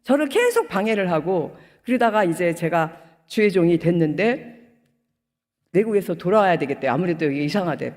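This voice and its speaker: A woman's voice: fairly low pitch, moderate pace. A woman pastor in her sixties tells her testimony from the pulpit, her voice swinging widely up and down as she acts out each person in the story. She swells into fervent, emotional outbursts between stretches of plain telling. A long reverb from a big hall trails after every phrase. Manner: animated storytelling, acting out quoted dialogue. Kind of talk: testimony sermon at a prayer retreat. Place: prayer retreat hall.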